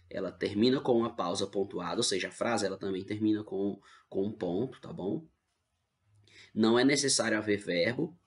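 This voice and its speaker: A man's voice: fairly low pitch, creaky. A male teacher with a Brazilian Portuguese accent, explaining grammar patiently in an online class and checking in often with the students.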